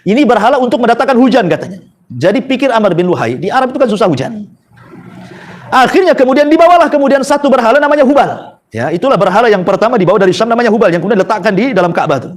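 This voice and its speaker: Fast, high-voiced Indonesian preacher. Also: male voice. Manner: lively storytelling with fillers and self-corrections. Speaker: Islamic preacher. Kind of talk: Quran study lecture. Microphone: microphone with audio trouble.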